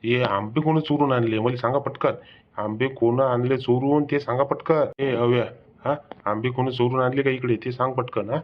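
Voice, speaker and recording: A man's voice: mid-range voice, fairly even intonation, moderate pace, lightly acted. Man doing a foul-mouthed orchard owner, scolding, cartoon, dull lo-fi sound. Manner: scolding, cursing, threatening. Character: angry middle-aged male mango orchard owner, foul-mouthed. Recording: dull lo-fi recording.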